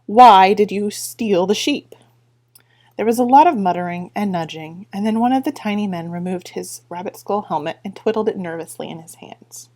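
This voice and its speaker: A woman librarian giving a casual book talk and reading a passage aloud, with fillers and quick self-corrections. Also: mid-range voice, warm tone.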